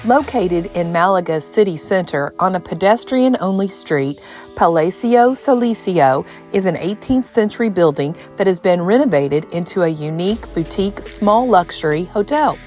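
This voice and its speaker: A woman's voice: fairly low pitch, animated, moderate pace, a little mellow, soft background music. A woman reading polished, scripted voice-over narration for a travel vlog.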